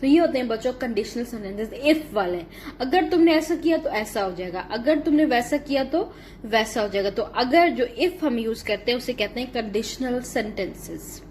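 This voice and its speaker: A woman teacher, explaining a textbook lesson and reading English sentences slowly and carefully. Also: fairly high pitch, animated, darkish tone, slight background noise.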